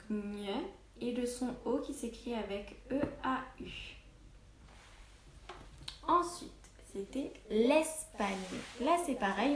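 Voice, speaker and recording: A woman teaching a reading lesson and dictation to young children, articulating each word slowly and with stress. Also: on the high side, echoey room, slight background noise. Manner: slow, carefully articulated, stresses each syllable. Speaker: primary school teacher.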